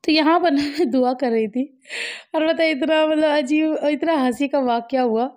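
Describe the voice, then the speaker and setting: An Indian mother chatting casually to her viewers in a home vlog, talking freely and laughing often, dropping soft and low when she turns reflective. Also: moderate pace. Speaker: family vlogger, mother.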